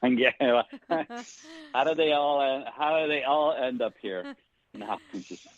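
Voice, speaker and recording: A middle-aged man from Hungary with a Hungarian accent, telling his story as a guest in a relaxed interview, halting with many restarts. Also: mid-range voice. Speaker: guest screenwriter. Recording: dry tinny phone-like line.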